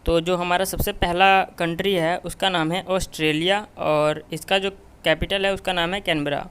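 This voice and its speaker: Man teaching in a flat, repetitive tone. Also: high-pitched, moderate pace, clear, resonant tone. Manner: repeats "ठीक है" and short checks constantly. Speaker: memory trainer teaching mnemonics. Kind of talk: explanatory tutorial lesson.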